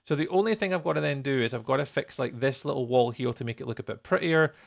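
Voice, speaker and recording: On a gaming livestream, a male host chats casually and thinks out loud, rambling playfully. He talks fast in a mid-range, creaky voice.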